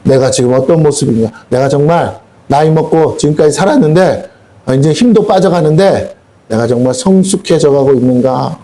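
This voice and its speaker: A man's voice: a little high, moderate pace, dark tone. A middle-aged male pastor giving a folksy, colloquial sermon full of rhetorical questions to his congregation. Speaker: senior pastor. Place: church sanctuary.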